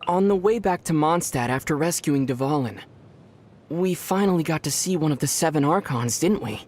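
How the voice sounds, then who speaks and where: An actor playing a young male wandering traveler in a video game, calm, thoughtful and soft-spoken. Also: a little high, moderate pace, slight background noise, close to an everyday voice. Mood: reflective.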